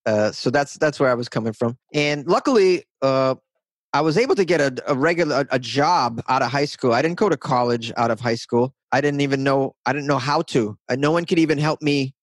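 A man in his thirties from north of Boston, USA, appears as a guest in a casual interview, rambling and poking fun at himself. His medium-pitched voice has lively intonation and a brisk pace, and the recording is dry.

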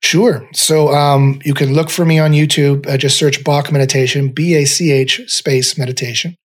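A middle-aged man leads a meditation exercise as a podcast guest. His voice sits slightly high and sounds husky. He rambles, restarts and repeats his instructions over and over. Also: fairly even intonation, normal speed. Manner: rambling, searching for words, repeats himself.

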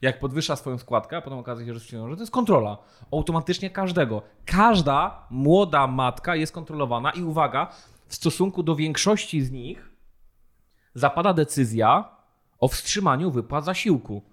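A man arguing his point on a podcast with rising indignation and plenty of emphasis. His voice sits a little higher than most men's, and his delivery is colloquial, blunt and heated. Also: lively intonation, normal speed, fairly bright tone. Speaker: podcast co-host. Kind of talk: heated casual podcast discussion.

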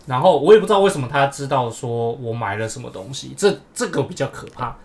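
A man's voice: medium pitch, lively intonation, quick pace, vocal fry, darkish tone. A man with a Taiwanese Mandarin accent, chatting casually and cutting in with dry, teasing remarks. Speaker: podcast co-host. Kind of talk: casual chat.

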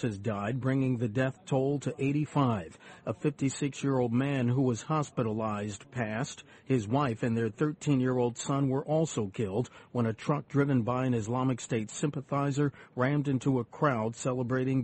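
A man's voice: mid-range voice, moderate pace, hardly any pauses, darkish tone, husky. A man working as a radio news anchor, reading scripted headlines.

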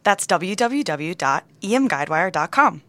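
A woman's voice: on the low side, very animated, moderate pace, fairly bright tone. A woman doctor co-hosting a scripted emergency medicine teaching podcast, with dry teasing asides.

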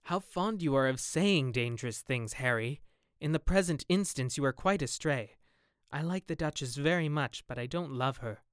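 A man playing a troubled young gentleman who speaks in a melancholy, anxious way. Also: a little high, normal speed, clean tone, no echo, clean studio sound, natural voice. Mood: guarded.

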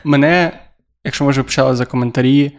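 Joking around and poking fun at himself, a young man with a Ukrainian accent co-hosts a casual podcast conversation. He speaks quickly in a mid-range voice with fairly even intonation.

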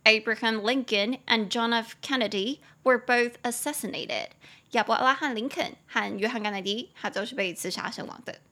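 A woman's voice: fairly high pitch, sharp tone. Playful chatty woman teaching English. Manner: playful and chatty, spells words out slowly. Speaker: English teacher and podcast host. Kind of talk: casual podcast English lesson.

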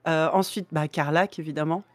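A woman co-hosting a podcast, chatting casually and enthusiastically about a video game, blunt and quick to swear. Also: low-pitched, steady tone, no echo. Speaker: podcast co-host. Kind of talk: casual gaming chat.

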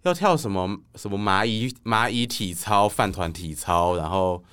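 A man, a guest writer telling stories on a podcast in a loose, animated way, swearing and laughing freely. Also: fairly low pitch, normal speed, clean tone. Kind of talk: casual podcast storytelling.

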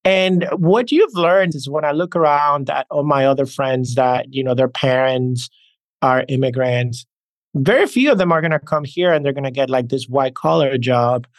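A man's voice: medium pitch, normal speed, no echo. A man from the Dominican Republic, a podcast guest, talking earnestly and reflectively through personal anecdotes. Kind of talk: conversational interview storytelling.

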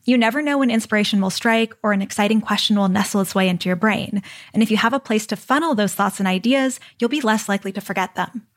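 A woman's voice: medium pitch, fast. A woman hosting a solo podcast, reading a script in an upbeat, encouraging, conversational way. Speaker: podcast host.

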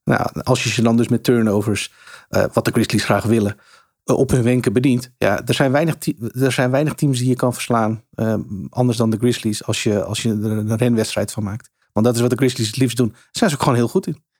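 A man's voice: medium pitch, fairly even intonation, brisk, darkish tone, no room sound, clean studio sound. A man, a podcast co-host giving casual sports analysis in conversation.

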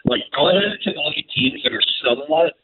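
A man's voice: a little high, animated, fast, a loud crowd. A man joining a sports chat remotely on a breaking-up line that makes him sound like he is inside a fishbowl. He talks loosely, with lots of fillers and a running "right?". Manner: loose, filler-heavy, keeps asking "right?". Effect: muffled, breaking-up call that sounds like it is inside a fishbowl. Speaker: sports betting analyst guest. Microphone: remote call line. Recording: tinny phone-like remote line, dry.

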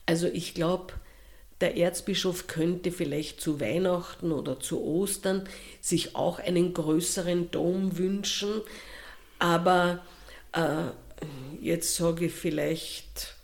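A woman with an Austrian accent, answering interview questions in a slow, thoughtful way with pauses and restarts. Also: on the low side, steady tone, gravelly. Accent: Austrian German.

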